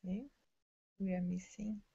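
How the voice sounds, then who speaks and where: A woman trainer leading an online team session, talking quickly and excitedly, restarting words, in non-native English over a video call. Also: fairly low pitch, creaky, breathy edge. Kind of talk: live online training talk. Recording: dull lo-fi video-call audio.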